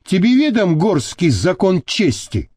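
A man reading the part of a calm, wry male captive who lectures his guard. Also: sits high, a little slow, husky, no room sound, clean studio sound, pitched above the performer's own voice, full character voice.

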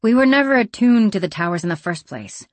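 A woman reading an audiobook, voicing a sharp-tongued, impatient young woman. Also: medium pitch, lively intonation, fairly quick, dry recording, close to an everyday voice.

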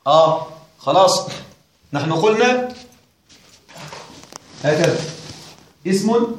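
A man's voice: high-pitched, animated, slow pace, slight background noise. A male teacher giving a classroom lecture on a grammar text, questioning and wryly puzzled as he talks straight to his students. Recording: very echoey room.

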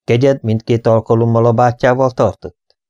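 A man reading an audiobook, playing a dry, measured older detective who asks careful questions. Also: mid-range voice, level tone, mellow, smooth, no room sound, lo-fi sound, lightly acted.

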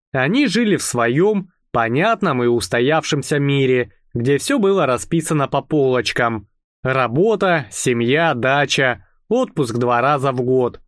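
A man narrating a first-person audiobook in a calm, even, wry storytelling manner. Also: mid-range voice, no room sound, clean studio sound.

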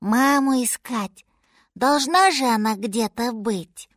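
Woman as a soft, timid baby mammoth boy, high and slow. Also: dry recording, studio quality. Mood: plaintive. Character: lost, gentle little baby mammoth boy.

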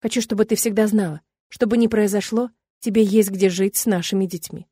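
A woman reading the lines of an excited, loving husband in an audiobook, in close to her own voice. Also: medium pitch, brisk, husky, no room sound, natural voice. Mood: earnest. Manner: warm, emphatic, excited.

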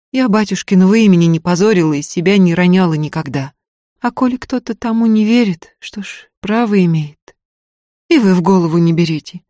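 A proud young woman of peasant stock, tearful but stubborn, with simple country turns of phrase, as a reader puts her on. Her lines sit higher and livelier than the narration, read into a dry, close microphone. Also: warm tone, dry recording, close to an everyday voice. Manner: folksy, plain-spoken, pleading then scolding. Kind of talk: audiobook character voice.

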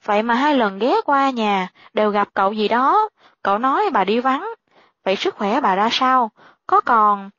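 A woman reads a pushy old male sorcerer in a spoken horror tale. The voice sits fairly high, with a flat, matter-of-fact delivery. The recording is dry and slightly muffled. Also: moderate pace, no room sound. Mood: insistent.

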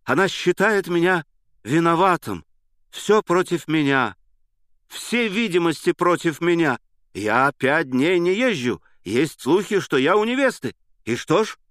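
Man doing a high, pushy-loud young lover, earnest and flustered, audiobook. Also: very animated, unhurried, no room sound. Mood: excited pleading. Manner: eager, breathless protesting. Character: excitable, earnest young man pleading innocence.

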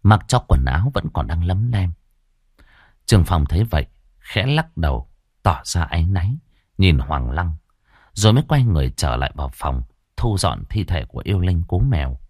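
Low-voiced expressive male storyteller. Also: normal speed, breathy edge, dry recording, clean studio sound. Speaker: audiobook narrator. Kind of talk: scripted narration of a fantasy story.

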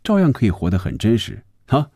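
A man's voice: fairly low pitch, big pitch swings, brisk, gravelly, dark tone, no room sound, studio quality, pitched above the performer's own voice, full character voice. A male storyteller voicing an easygoing salesman who talks in a coaxing, joking way. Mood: easy.

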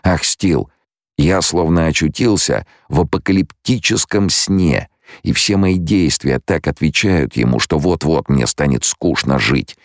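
A calm, commanding blind prophet-leader, as a male reader plays him, speaking slow and measured. The voice stays very low and gravelly, with a dry, close sound. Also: dry recording.

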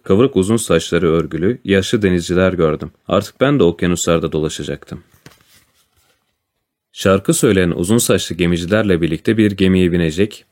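A man reading a classic adventure story aloud as a narrator, in a calm, even storytelling manner. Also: low-pitched. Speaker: audiobook narrator. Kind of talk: storybook narration with voiced dialogue.

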